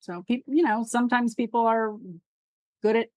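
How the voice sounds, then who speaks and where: A woman's voice: a little high, steady tone, moderate pace, a little mellow, dry recording, clean studio sound. A woman from California, a guest on a podcast, chatting in a friendly, agreeable way and often saying yes. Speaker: guest seller. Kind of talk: casual chat on a podcast.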